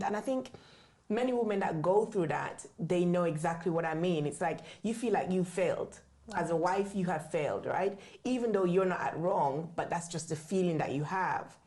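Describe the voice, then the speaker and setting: This interview guest has a voice on the low side with a little mellowness. She's an author and book writing mentor, born in the UK and raised in Jamaica, and she speaks candidly while telling stories conversationally.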